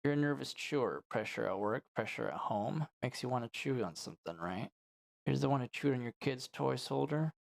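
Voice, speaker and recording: A man's voice: medium pitch, brisk, creaky. A man reading a sarcastic, blunt game doctor. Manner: sarcastic, deadpan.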